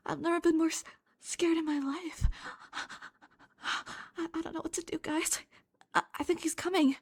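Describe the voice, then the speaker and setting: Woman playing scared young video-maker, cute anime streamer voice, higher pitch, breathy hushed mock panic. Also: steady tone, normal speed, a little hiss or hum, natural voice. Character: scared, self-serving young video-maker hiding from an intruder. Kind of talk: mocking improvised impression.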